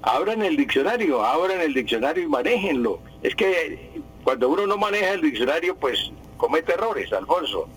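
A man's voice: on the high side, very animated, moderate pace, hardly any pauses, fairly bright tone, slight background noise, rough recording. A man, a language expert on a radio call-in show, patiently correcting word usage and repeating terms for emphasis.

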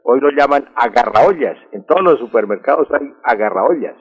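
Husky guy on radio, explains words, repeats stuff, kinda muffled. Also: medium pitch, expressive, moderate pace. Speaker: language expert answering listener questions. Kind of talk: radio language segment. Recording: dull lo-fi radio recording.

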